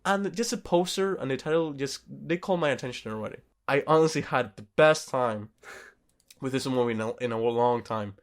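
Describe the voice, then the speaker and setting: A podcast co-host chats casually about movies in a medium-pitched voice at a moderate pace. His casual movie-review talk is informal and sweary, and he corrects himself as he goes.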